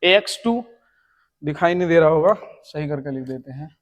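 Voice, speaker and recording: High-voiced man teaching math, echoey. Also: moderate pace. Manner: explains step by step, keeps checking students follow. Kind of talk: exam-prep math lecture.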